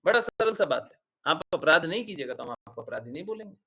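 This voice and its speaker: A man with a fairly high-pitched voice leads a devotional question-and-answer class as a spiritual teacher. He speaks emphatically, keeps repeating his key points and poses rhetorical questions before answering them himself. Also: very animated, fast, vocal fry, pushed and bright, slightly rough, poor audio.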